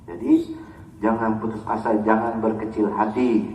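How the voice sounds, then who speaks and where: A man's voice: fairly low pitch, moderate pace, far from the mic, a little hiss or hum. A man preaching a sermon, telling stories acted quotes, recorded from afar in an echoey hall. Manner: lively storytelling with acted quotes. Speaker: religious teacher. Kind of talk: sermon on a classical book.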